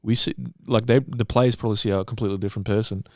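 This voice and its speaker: A man's voice: fairly low pitch, steady tone, racing, darkish tone, no echo. An Australian man co-hosting a football podcast in a studio, thoughtful and hedging his points. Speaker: podcast co-host. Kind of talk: casual football chat.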